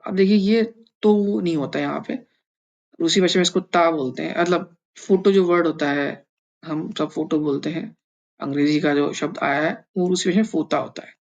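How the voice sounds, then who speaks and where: A man's voice: fairly high pitch, normal speed, vocal fry, muffled recording. A man teaching a language lesson, patiently sounding out each syllable one at a time. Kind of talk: explaining and spelling out syllables slowly.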